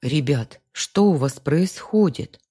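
Brief: hushed, disappointed older sister, read by a woman narrator. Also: low voice, animated, takes it slowly, husky, exaggerated voice. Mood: reproachful. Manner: soft, reproachful. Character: older sister, quiet and reproachful.

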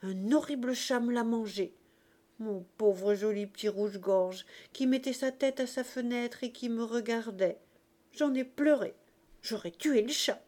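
A woman's voice: a little high, a little slow, a little mellow, pitched above the performer's own voice, close to an everyday voice. A woman reading the part of a loving young woman, eager and tearful, with a raised, pleading voice. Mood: cheerful.

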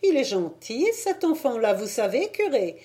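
Woman reading as a high-voiced old maid, warm-hearted, playfully sharp. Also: big pitch swings, normal speed. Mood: chatty. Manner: bright, chatty, affectionate. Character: kindly old spinster seamstress, lively and teasing.

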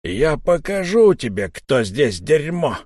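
A man voicing a brutal, drunken wolfish male boarder on a ship, talking slowly and menacingly. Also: on the high side, sing-song, darkish tone, no room sound, studio quality, voice pushed up, heavily acted. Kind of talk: audiobook character voice.

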